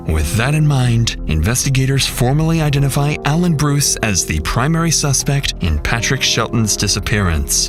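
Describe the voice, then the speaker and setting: A man reading scripted true-crime documentary narration in a dramatic, suspense-building manner. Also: mid-range voice.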